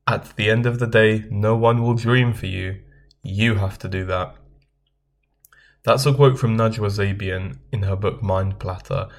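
A man hosting a self-help video, giving earnest, measured advice straight to his viewers. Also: on the low side. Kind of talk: scripted self-help talk to camera.

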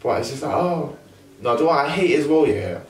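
A young man with a London roadman accent, chatting casually in heavy slang and telling things in an animated way with acted-out asides. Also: fairly high pitch, a little fast. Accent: London roadman, multicultural London English. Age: young adult. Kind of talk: casual chat. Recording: roomy echo, distant from mic.

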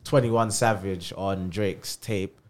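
Casting: London male, lowish pitch, rambling and slangy, informal group discussion. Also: steady tone, slow, darkish tone. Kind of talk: casual chat on music.

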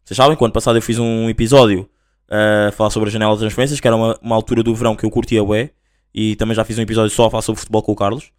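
A young man with a European Portuguese accent hosting a solo podcast, rambling and slangy as he tells stories in a casual, animated way. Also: fairly low pitch, rapid-fire. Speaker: podcast host.

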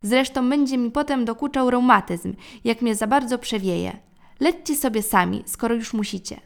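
A woman's voice: on the high side, normal speed, gravelly. A woman voicing a cautious, grumbling father in a storybook, exclaiming fussily.

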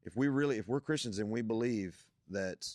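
A man's voice: fairly low pitch, brisk, darkish tone, no echo, studio quality. A young man, a guest on a church podcast, talking about faith in an emphatic, preacherly way that builds to strong points.

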